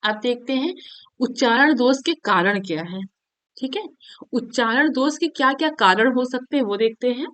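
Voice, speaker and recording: A woman's voice: fairly high pitch, animated, moderate pace, a bit bright, dry recording. A woman teacher giving an exam-prep lecture, explaining step by step and asking and answering her own questions.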